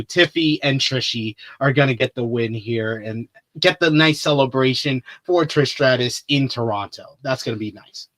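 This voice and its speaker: A man with a mid-range voice hosts a wrestling preview talk show, delivering his commentary with animated, theatrical emphasis and drawn-out words.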